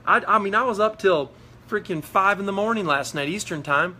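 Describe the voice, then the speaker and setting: A man's voice: high voice, a little fast, pushed and bright. A man giving a fired-up motivational talk on a live video stream, preachy and repetitive as he urges his team on. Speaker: network marketing leader.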